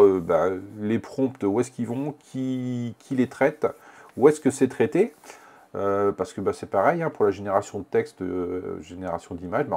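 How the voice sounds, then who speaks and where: A man presenting a casual software tutorial, thinking aloud with many fillers and restarts. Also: fairly low pitch.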